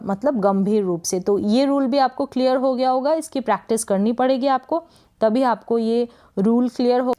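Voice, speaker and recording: A woman teaching English pronunciation in Hindi, patiently repeating each word and asking quick check questions. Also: a little high, darkish tone. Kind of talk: spoken lesson.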